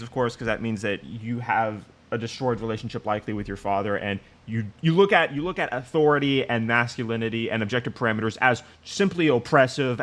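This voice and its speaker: A man's voice: medium pitch, fairly bright tone. A man giving scornful reaction commentary on a clip, breaking into laughter and mimicking other people. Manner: mocking, laughs at clip, acts out quoted voices.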